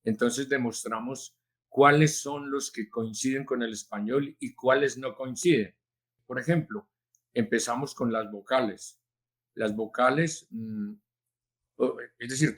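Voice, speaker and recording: A man, a linguist answering interview questions in a measured, teacherly way, with frequent hesitations. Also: mid-range voice. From Colombia. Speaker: linguist and journalist, interview guest.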